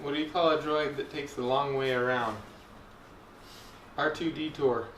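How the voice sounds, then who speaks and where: A man's voice: medium pitch, fairly even intonation, normal speed. A man telling dad jokes as setup and punchline for a family challenge video. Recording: roomy, distant mic, faint background noise.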